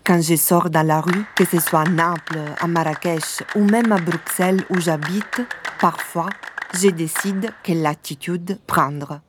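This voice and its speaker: A woman from southern Italy giving calm, measured scripted documentary narration. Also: lowish voice, background noise.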